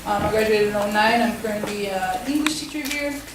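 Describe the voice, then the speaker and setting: A young woman from Tucson, Arizona, a teacher and community organizer, gives a casual forum talk in a school hall, her mid-range voice fairly quick and full of fillers and tag questions. She's far from the mic, so the hall sounds echoey, and there's background noise.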